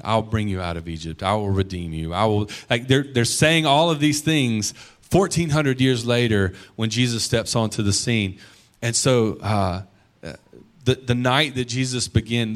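A man preaching a sermon in a conversational, animated way, repeating phrases for emphasis. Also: medium pitch. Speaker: pastor.

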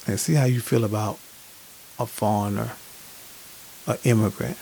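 A man's voice: lowish voice, steady tone, moderate pace, creaky, mellow, a little hiss or hum. A man hosting a podcast, speaking reflectively and asking rhetorical questions before he interviews his guests. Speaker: podcast host.

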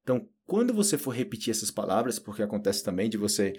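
A man giving an informal lesson, lively and fond of acting out learners and slowly repeating practice phrases. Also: lowish voice, breathy edge. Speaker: Portuguese teacher.

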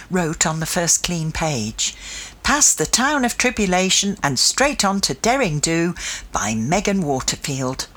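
A woman storyteller giving an expressive first-person reading of a children's adventure story. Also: on the low side. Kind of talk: storybook narration.

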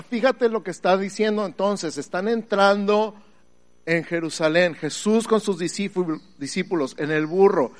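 A middle-aged Mexican man preaching a lively sermon, quizzing his congregation and swinging between loud calls and quiet asides. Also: on the high side. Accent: Mexican Spanish. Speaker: pastor.

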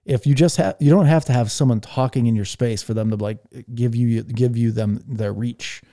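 Dark, gravelly-voiced man chatting casually. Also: mid-range voice, fairly even intonation, normal speed. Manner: rambling, filler-heavy storytelling. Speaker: podcast host. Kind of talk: casual chat on a live audio room.

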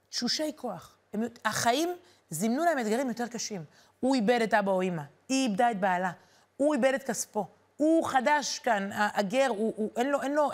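A woman teaching a weekly Torah portion lesson, talking to listeners in a lively, rhetorical way and stressing the verses she quotes. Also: a little high.

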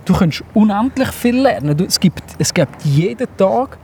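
Swiss German man, high pitched, brisk chatty host, walking outside by a road. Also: a little hiss or hum. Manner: quick, lively, acts out quotes. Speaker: podcast host. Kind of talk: casual chat on a walk. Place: outdoors on a walk in town.

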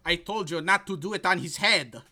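A man's voice: sits high, fairly quick, sharp tone, pitched above the performer's own voice. A man doing a whiny German-accented man. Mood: upset. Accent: put-on German.

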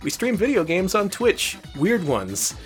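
A man co-hosting a retro-media podcast in casual chat, joking and quick with wry asides. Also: high-pitched, huge pitch swings, faint music behind. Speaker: podcast co-host.

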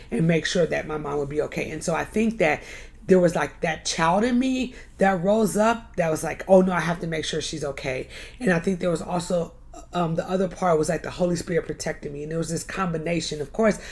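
A young woman with a low voice and a gravelly edge tells an earnest personal story for a podcast. She speaks with emphasis and circles back, repeating and restarting her phrases as she goes. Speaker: youth pastor.

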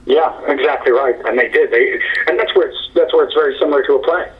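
A screenwriter in his forties, being interviewed, speaks fast in a somewhat high voice, sounding far from the mic on a lo-fi recording. He answers thoughtfully but with many fillers and restarts.

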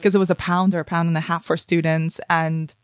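A Spanish woman in her thirties who works in the film industry tells her career story as a podcast guest, thoughtful, with lots of "kind of" fillers and restarts. Her voice is fairly low and clean-toned, with little pitch movement, and she talks fairly quickly.

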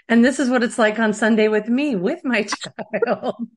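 A woman's voice: fairly high pitch, unhurried. A woman in her thirties co-hosting a podcast, chatting casually with lots of fillers and laughter. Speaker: podcast co-host. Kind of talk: casual chat.

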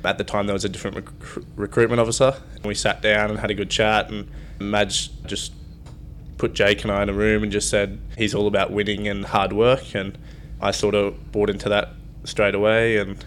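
Low, even-voiced young Queensland man. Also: normal speed, slight background noise. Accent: Queensland Australian. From Brisbane, Queensland, Australia. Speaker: young professional rugby league player. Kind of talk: casual podcast interview.

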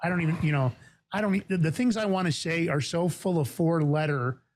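A podcast host from the Bronx with a New York accent runs his talk show fast, emphatic and indignant. His voice is on the high side, with slight background noise.

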